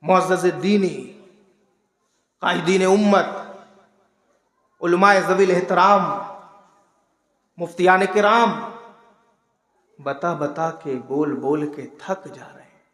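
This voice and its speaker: Male preacher, high voice, sermon, quiet talk then shouted exhortation, mocking asides, reverberant hall. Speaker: Islamic preacher. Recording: echoey hall with long reverb.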